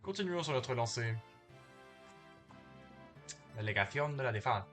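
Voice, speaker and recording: A confident young rock-star prosecutor, as a man reads his lines in a mid-range voice. He sounds suave and teasing, with quiet music faintly behind. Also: medium pitch, animated, unhurried. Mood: smug. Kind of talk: reading game dialogue aloud.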